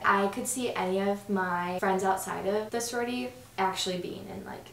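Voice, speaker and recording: A woman's voice: medium pitch, normal speed, gravelly. A woman in her early twenties in casual chat with friends, talking in a bubbly sorority-girl way full of "like". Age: early 20s. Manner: bubbly, giggly sorority-girl talk with lots of "like". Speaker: sorority member in a Q&A. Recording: roomy echo, distant mic, faint noise.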